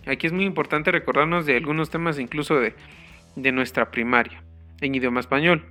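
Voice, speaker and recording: A man explaining grammar rules step by step in a slow, careful teaching manner. His voice is bright and a bit high for a man, and soft guitar music plays in the background. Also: fairly even intonation. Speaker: English teacher. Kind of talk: grammar lesson.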